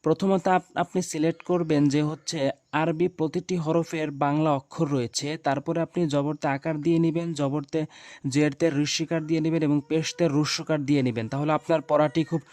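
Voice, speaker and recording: A man teaching Quran reading as a spoken lesson, patiently drilling and repeating syllables slowly. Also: a little high, flat delivery, darkish tone, no echo.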